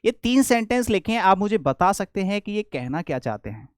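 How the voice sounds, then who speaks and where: A man teaches grammar in a high, clear voice. He explains step by step and repeats his questions back to the class. The recording is dry and close. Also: big pitch swings, fairly quick, no room sound. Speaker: English teacher.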